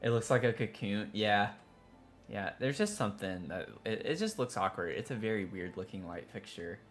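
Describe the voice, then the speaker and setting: A Southern-accented man from Tennessee chats casually on a live stream while building in a game, rambling and interrupting himself. His voice is lowish and animated, his pace moderate, with faint music in the background.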